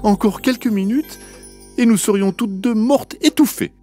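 A man's voice: normal speed, dark tone, soft background music, close to an everyday voice. A man doing an innocent little girl. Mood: relieved. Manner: wide-eyed, exclaiming, high and breathless. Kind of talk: storybook reading for children.

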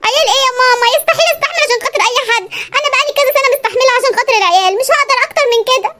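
Brief: performer doing a bright, high cartoon wife with an Egyptian accent, nagging and outraged, faint hiss. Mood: indignant. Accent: Egyptian Arabic. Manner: shrill, indignant, fast complaining. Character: fed-up young wife complaining about her husband. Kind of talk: comic animated sketch.

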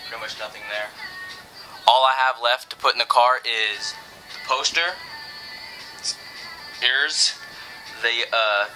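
A man's voice: medium pitch, slow, pauses often, pushed and bright, soft background music, poor audio. A young man giving a laid-back, rambling vlog update to a camera close in front of him. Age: young adult. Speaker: vlogger. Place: small bedroom in daylight, indoors. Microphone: camera at close range.

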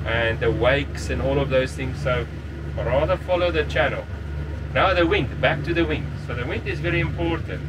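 With background noise around his mid-range voice, a middle-aged man on a catamaran by the sea gives a plain, casual walkthrough of approaching and catching a mooring ball. The sailing vlogger chuckles occasionally and restarts phrases, recorded first by headset mic and later by a nearby camera mic.

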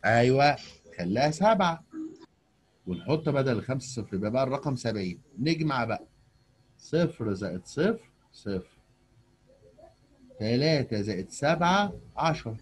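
A man's voice: medium pitch, very animated, normal speed, long pauses, slightly rough. A man with an Egyptian accent teaching math to a young pupil over a video call, coaxing her with patient questions. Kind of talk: online tutoring lesson.

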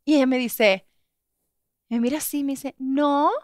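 A woman on a chat show telling a personal story with lots of energy, acting out what people said with loud bursts and laughter. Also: high-pitched, unhurried. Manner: expressive storyteller, acts out quotes with loud outbursts and laughs. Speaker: guest host telling a story. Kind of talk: animated anecdote on a chat show.

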